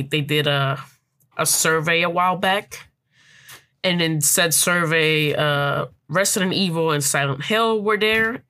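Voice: mid-range voice, sharp tone. A speaker in a casual gaming chat who rambles loosely and swears freely.

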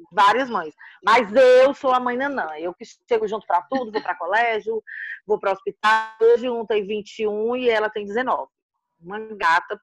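Lively woman from Ceará telling her story. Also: mid-range voice, dry recording, lo-fi sound. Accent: Northeastern Brazilian, from Ceará. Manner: animated, laughing, acts out quoted voices. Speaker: interviewee, mother and activist. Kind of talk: casual storytelling interview.

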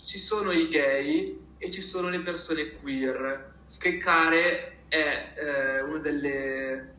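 A man speaking emphatically and expressively in a casual interview, with halting phrasing and repeated words. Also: a little high, sharp tone. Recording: roomy, echoing sound.

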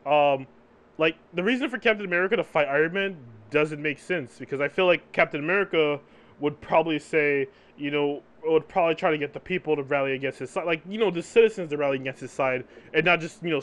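A man's voice: fairly high pitch, fast talker, fairly bright tone. A man co-hosting a podcast, chatting casually about comic books and tagging his points with "right?". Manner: tags sentences with "right?"; laughs often between points. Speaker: podcast co-host. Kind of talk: casual comic book discussion.

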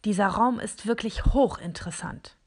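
A woman narrating a first-person children's story in a calm, deliberate way. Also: mid-range voice, husky.

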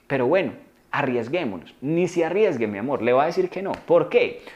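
A man's voice: on the high side, expressive, fairly quick, a little mellow, dull audio. A man giving an earnest motivational self-help talk to camera, coaching viewers and repeating key phrases for emphasis. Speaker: motivational video maker.

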